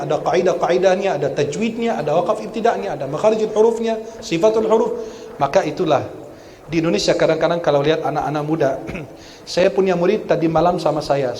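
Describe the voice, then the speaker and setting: A high-pitched man lectures in an animated, teasing way and coaches his listeners one sound at a time. His voice echoes around a large mosque hall over a faint murmur of room noise. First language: Arabic. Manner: animated, teasing, drills pronunciation with the audience. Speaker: Quran teacher and preacher. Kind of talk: religious lecture with recitation drills.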